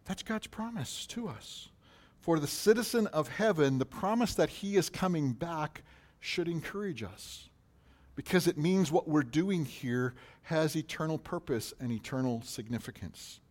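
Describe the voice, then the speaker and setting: A pastor preaching a sermon, asking questions in a rising voice and answering them more quietly. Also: male voice, fairly high pitch, animated, unhurried.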